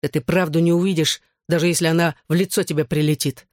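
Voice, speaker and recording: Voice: mid-range voice, fairly even intonation, fast talker, a little mellow, no echo, clean studio sound, lightly acted. An audiobook reader voicing a hot-tempered teenage boy who speaks curtly, with a snarl. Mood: angry. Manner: curt, snarling.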